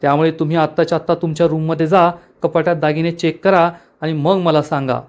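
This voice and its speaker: A man's voice: on the high side, flat delivery, fast talker, lightly acted. A man voicing a firm young woman who is the village head, speaking in a commanding tone. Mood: stern.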